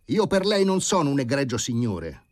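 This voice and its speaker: A man's voice: mid-range voice, big pitch swings, moderate pace, dry recording, clean studio sound, voice pushed up, lightly acted. A man playing a blunt young man who answers in a curt, scornful way. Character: blunt young blond man in a fur hat, mocking.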